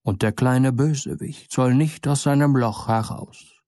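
A man's voice: medium pitch, a little slow, warm tone, dry recording, studio quality, natural voice. A man voicing a tired female owl on guard, muttering drowsily to herself in a storybook reading. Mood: drowsy.

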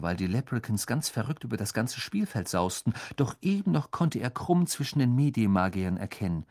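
A man narrating an audiobook in a lively, expressive reading style. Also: mid-range voice, slightly rough. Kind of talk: scripted narration.

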